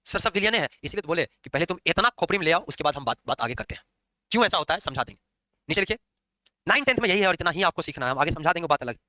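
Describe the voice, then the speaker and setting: A man teaching chemistry in a classroom lecture, lively and teasing his students as he explains. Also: fairly high pitch, racing, no echo. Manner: lively, scolding and joking with students.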